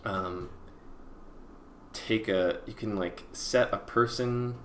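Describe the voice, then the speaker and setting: A man giving a casual, rambling voice-over in a hesitant, self-deprecating way, with vocal fry at the ends of his phrases. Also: lowish voice, fairly even intonation, slow pace, fairly bright tone, a little hiss or hum. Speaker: webcomic artist and video creator.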